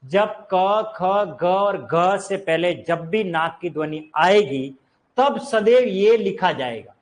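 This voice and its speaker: A man's voice: high voice, animated, slow. A man teaching a grammar class, explaining step by step and quizzing his students. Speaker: Hindi teacher. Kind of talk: classroom lecture.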